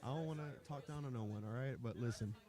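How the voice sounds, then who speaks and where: Fast-talking young man, laughing banter. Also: medium pitch, dark tone. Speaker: co-commentator. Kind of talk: casual poker stream chat.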